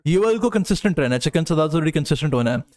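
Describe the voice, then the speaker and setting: A man's voice: fairly high pitch, lively intonation, rapid-fire, a little mellow. A young man, casually chatting with his stream audience as a tired, joking streamer and caster. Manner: joking, banters with chat, lapses into crude banter. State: tired from no sleep. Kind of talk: casual chat reading live comments.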